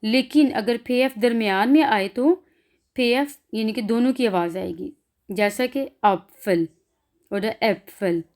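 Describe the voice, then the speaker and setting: Slow-talking woman with a Pakistani accent teaching. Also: on the high side, a little mellow. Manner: reads example sounds one by one, explaining in between. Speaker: language teacher. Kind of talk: slow pronunciation lesson.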